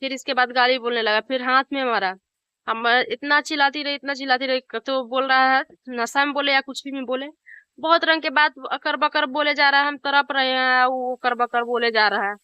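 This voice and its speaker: A woman's voice: high voice, fairly even intonation, brisk, clear, resonant tone, no room sound, lo-fi sound. A woman vlogger venting to camera in an angry, bitter way, trading insults and pleas.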